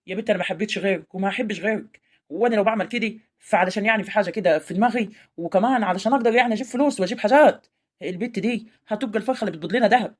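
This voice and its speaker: Scheming young village man as a woman acts him out, Egyptian accent, persuasive, very fast talker, medium pitch. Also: darkish tone, lightly acted. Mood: coaxing. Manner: smooth-talking, persuasive. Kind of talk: amateur village drama acting.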